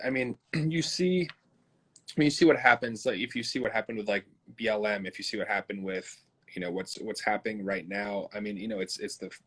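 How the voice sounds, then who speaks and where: A man hosts a conversational interview, talking loosely and animatedly with plenty of fillers. His voice is low and a little husky, and it jumps up when he gets worked up. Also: fairly bright tone. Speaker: host.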